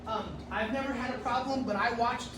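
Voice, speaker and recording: A man's voice: extremely high pitch, fairly quick. A middle-aged man, a pastor, giving a casual travel briefing to a group as a chatty storyteller. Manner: chatty storyteller, frequent restarts. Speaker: pastor leading a trip meeting. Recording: echoey room from far off, noisy.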